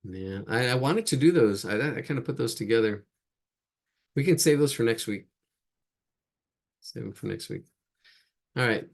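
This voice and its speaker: Gravelly man teaching a drawing class. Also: medium pitch, big pitch swings, moderate pace, pauses often. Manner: chatty, laughs at own jokes, drifts while drawing. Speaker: drawing instructor. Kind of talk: live online drawing class.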